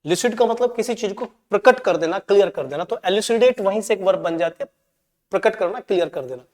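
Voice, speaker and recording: A man's voice: high voice, fast talker, darkish tone, long reverb tail. A man teaching English for exam preparation, going through answers and mixing Hindi explanation with read-out English lines. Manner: mixes Hindi with read-out English, often checks in with "ठीक है?".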